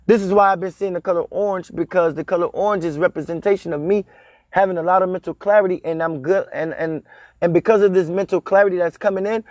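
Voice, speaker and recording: Speaking of dream meanings, a spiritual teacher in his thirties has a high-pitched, slightly mellow voice, recorded without room sound. He drives his points home emphatically and repetitively, in the rhythm of a preacher.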